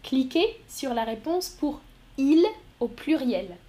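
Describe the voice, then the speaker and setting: Slow, clear-spoken woman French teacher. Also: sits high, expressive, mellow. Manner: slow, clear, spells words letter by letter; encouraging, calls out students by name. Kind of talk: live online language lesson.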